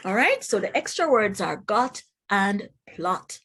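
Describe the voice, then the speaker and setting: During a children's read-aloud phonics lesson, a Jamaican-accented woman enunciates words in a teaching manner and poses questions to the listener. Her voice is mid-range, sing-song, and fairly bright, at a measured pace, with slight background noise.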